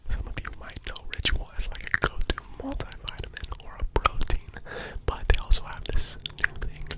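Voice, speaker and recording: An ASMR creator reading sponsor messages in a breathy, unvoiced whisper, deliberate with playful touches.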